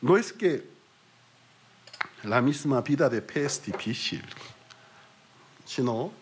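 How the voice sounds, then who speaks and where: A man's voice: medium pitch, expressive, takes it slowly, slight background noise. A male pastor from Korea preaching in a Korean accent, telling stories with self-mocking humor and small slips. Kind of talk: sermon.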